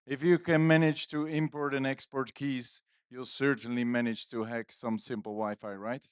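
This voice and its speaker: On a conference stage at a live event, a male host banters casually into a handheld microphone, teasing both the audience and his guest. His voice is smooth, medium-pitched, and steady at a moderate pace, captured in a dry, studio-quality recording.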